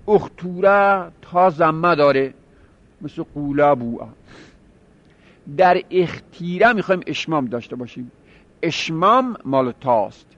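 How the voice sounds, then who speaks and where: A man's voice: a little high, fairly bright tone. A man teaching a grammar lesson, explaining step by step and repeating word forms to drill them. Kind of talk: seminary-style grammar lesson. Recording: dull lo-fi recording.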